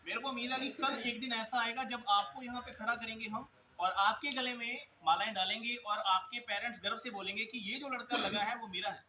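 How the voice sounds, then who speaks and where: A man's voice: extremely high pitch, steady tone, fairly quick. A male coaching teacher giving an earnest motivational speech to students at a school event, telling stories and addressing them directly. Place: school event hall with audience. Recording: echoey hall with noisy ambience.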